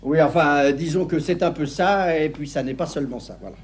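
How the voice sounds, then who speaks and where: A man's voice: fairly high pitch, a little fast, close to an everyday voice. A man playing a flustered married man in a stage farce, protesting with stammering embarrassment. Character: flustered married man resisting a young woman's advances. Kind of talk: filmed stage farce acting.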